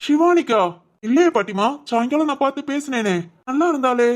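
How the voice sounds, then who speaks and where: A woman voicing a patient young father who soothes his crying daughter, in an animated family story. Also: high-pitched, fast, lightly acted. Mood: soothing. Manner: soothing, reassuring.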